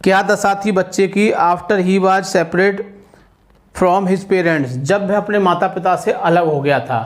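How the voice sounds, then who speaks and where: A man from India teaching an exam-prep class, slowly reading out English answer lines and explaining them at length in Hindi. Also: high voice.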